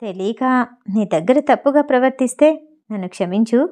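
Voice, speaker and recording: A woman's voice: on the high side, expressive, brisk, dark tone, close to an everyday voice. A woman voicing a polite young man in an audio novel who speaks courteously and apologetically. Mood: apologetic.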